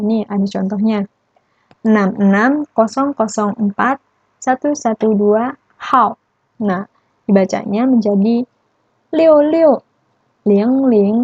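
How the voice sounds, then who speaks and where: A woman teacher giving a lesson, explaining step by step and slowly repeating her examples. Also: medium pitch, mellow, breathy edge, no echo, dull audio. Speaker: Mandarin language teacher.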